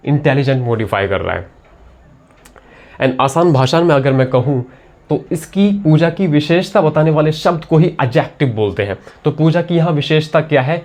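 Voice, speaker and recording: A man's voice: a little high, a little mellow. Man teaching grammar, patiently repetitive. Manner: repetitive, asks and answers his own questions. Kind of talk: classroom lesson explanation.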